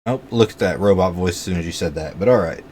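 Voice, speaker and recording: A man co-hosts a sports show in an easygoing, opinionated way, often hedging his views. His voice sits on the low side, with a faint hum of room ambience behind him. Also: fast. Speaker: sports podcast co-host. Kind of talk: casual sports chat.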